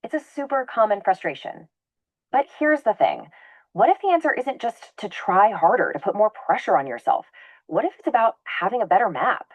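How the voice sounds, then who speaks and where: A woman's voice: medium pitch, sing-song, moderate pace, dry recording, muffled recording. A woman narrating a scripted explainer video in an upbeat, conversational presenter tone.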